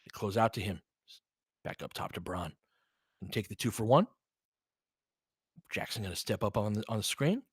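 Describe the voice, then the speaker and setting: A sports commentator and host with a fairly low, husky voice calls basketball informally, offering play-by-play and analysis at a moderate pace with lively intonation and frequent pauses. He's conversational and opinionated, swearing mildly, and the studio recording is clean with no echo.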